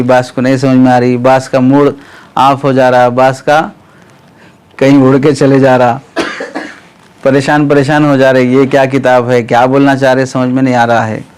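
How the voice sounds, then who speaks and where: Man giving a clear-voiced grammar lecture. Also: mid-range voice, darkish tone. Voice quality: clears throat often. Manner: explanatory, asks students rhetorical questions. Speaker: teacher of Arabic grammar. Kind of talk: classroom lecture.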